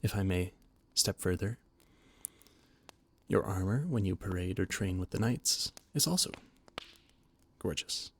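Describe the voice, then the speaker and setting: In an audio roleplay, a low-pitched man gives a scripted monologue as a flustered, formal royal adviser, stammering often. His intonation is lively but his pace measured, with long pauses and a little hiss or hum.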